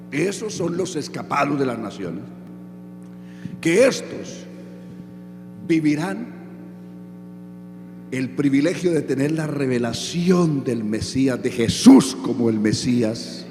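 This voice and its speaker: A man with a medium-pitched voice preaches a sermon, repeatedly asking the audience questions and answering them himself. The recording is from an echoey hall with music underneath and background noise.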